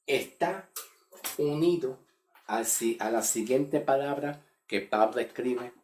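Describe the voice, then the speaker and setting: A man's voice: mid-range voice, slow, a little mellow. A man teaching a Bible study lesson, who repeats key words and keeps checking in with his listeners. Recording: echoey room, voice from far off the mic.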